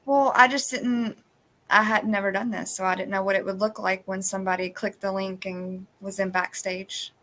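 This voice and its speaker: A woman's voice: medium pitch, fairly even intonation, normal speed, fairly bright tone. A woman hosting a live stream, chatting casually and rambling with many restarts. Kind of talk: casual chat. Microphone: phone.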